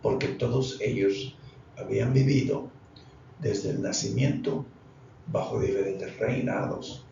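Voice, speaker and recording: A male pastor giving a slow, unscripted Bible lesson, deliberate and often correcting himself mid-phrase. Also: medium pitch, gravelly, warm tone. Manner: deliberate, with frequent restarts and self-corrections. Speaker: pastor teaching Bible study. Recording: distant, roomy, dull lo-fi sound with faint noise.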